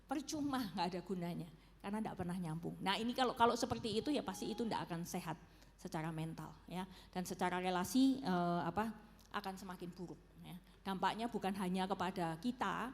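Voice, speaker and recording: Javanese woman preacher in a reverberant hall. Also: on the low side. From Solo, Central Java. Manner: conversational, often checks in with "ya kan". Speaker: preacher answering questions. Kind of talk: church Q&A talk.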